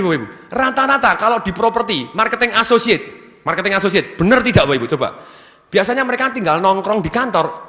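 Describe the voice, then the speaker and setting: A man giving a motivational business seminar to a live audience, energetically firing questions for them to finish. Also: high-pitched. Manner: energetic, keeps asking the audience fill-in questions. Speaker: seminar speaker. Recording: long hall reverb from a venue PA.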